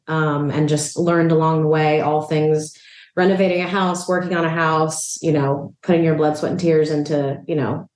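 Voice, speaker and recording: A real estate agent and investor from El Salvador, her voice notably low, chats in a relaxed way during a casual interview. She peppers her sentences with "um" and "you know," and the echo suggests she is in a roomy rental apartment.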